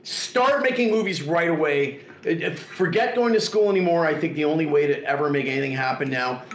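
This artist, a man in his forties, is an interview guest sharing casual, profanity-laced stories from a living room with a leather couch, frequently performing quoted voices. He talks fairly quickly in a higher-leaning voice, with noticeable reverberation.

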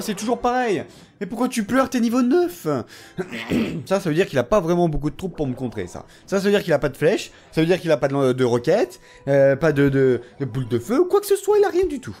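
A young man with a fairly high, very lively voice comments on his game in a relaxed, casual way. His throat is sore and a little strained, and he keeps teasing his opponent. Faint music plays underneath the recording. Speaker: gaming video creator.

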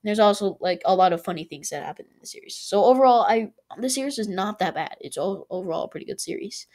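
Rambling excitable woman vlogger. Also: mid-range voice, quick pace. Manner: rambling and excitable, lots of fillers and restarts. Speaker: channel host ranking shows. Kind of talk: casual rambling review.

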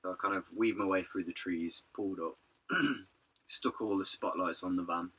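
A hoarse man, telling his vanlife story in a rambling, chatty way. He says he is losing his voice. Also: sits low, steady tone, normal speed, bright, forceful tone. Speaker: vanlife vlogger. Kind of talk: casual vlog narration.

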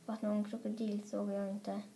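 A woman reading a children's story aloud in an expressive, playful way. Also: medium pitch, a little hiss or hum. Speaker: storybook reader. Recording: roomy echo.

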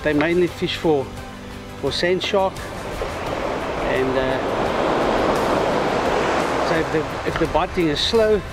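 A man's voice: fairly high pitch, takes it slowly, long pauses, low-quality recording. A man from Namibia, a competing angler, talking plainly in a casual beach interview with many fillers. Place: outdoors on a beach. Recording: outdoor beach audio under loud music.

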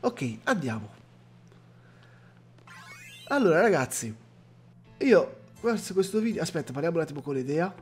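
A man's voice: on the high side, expressive, brisk, a little mellow, faint music behind. A man hosting a gameplay video, making chatty asides to viewers as casual game commentary.

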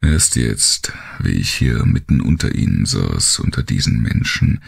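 With a very deep, gravelly and husky voice, this man reads a first-person thriller audiobook. He phrases things in a brooding, deliberate, dramatic way, and his intonation is lively.

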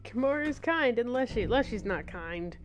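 A woman's voice: a little high, lively intonation, moderate pace. A woman streamer chatting casually while playing a game, thinking aloud, laughing often and talking to herself, with game music underneath. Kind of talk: casual live-stream gameplay chat.

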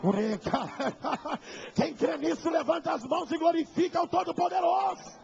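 High-voiced Carioca pastor preaching emphatically. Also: male voice, normal speed, creaky, highs cut off, a little hiss or hum. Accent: Carioca Portuguese. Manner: emphatic, shouts at climaxes, dramatic storytelling. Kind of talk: evangelistic sermon storytelling. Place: church service.

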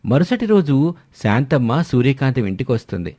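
A man's voice: medium pitch, very animated, moderate pace, warm tone. Man narrating a cartoon story.

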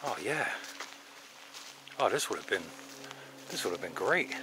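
Out on wooded mountain trails, a middle-aged vlogger talks through his hike with great animation, musing as he walks at a slightly slow pace. His pitch is fairly low, and background noise is present in the action-camera recording.

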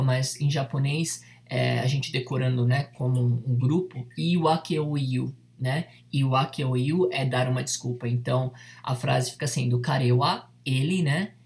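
A Japanese teacher gives an online lesson, patiently repeating each word slowly and often checking in with tag questions. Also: medium pitch, gravelly.

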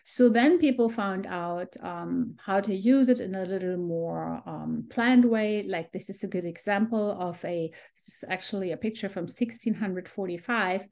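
Giving a chatty online photography lesson to a small group, this middle-aged woman from Germany speaks with a German accent and plenty of ums, enthusiastic throughout. Her mid-range voice has vocal fry and a darkish tone, moving at a moderate pace with hardly any pauses. She's at home on a video call, using the computer's mic.

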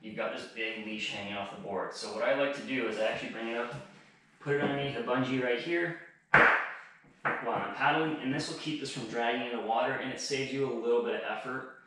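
A man in his thirties, host of an outdoor gear channel, gives a casual how-to while working, speaking fast at an ordinary middle pitch in a relaxed way and often repeating words. A camera on a stand across a small, bare, very echoey room records him, later held close, with noisy background.

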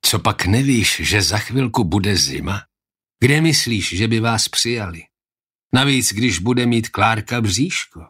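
A calm nobleman speaks with measured, gently reproachful authority, in a male reader's own low voice. His lines sit close to the narration, deliberate and steady, as in a historical storybook. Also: husky.

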